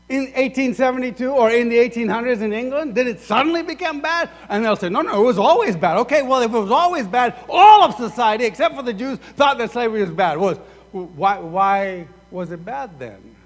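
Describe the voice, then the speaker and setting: A very high-voiced Sudanese pastor preaches at moderate speed, heard with echoey reverb inside a church sanctuary. His sermon is animated, with him voicing both participants in imagined talks.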